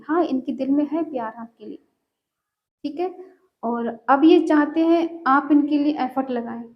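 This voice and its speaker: A woman's voice: high voice, lo-fi sound. A woman giving a collective tarot love reading in an earnest, repetitive way, often checking in with the listener. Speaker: tarot reader.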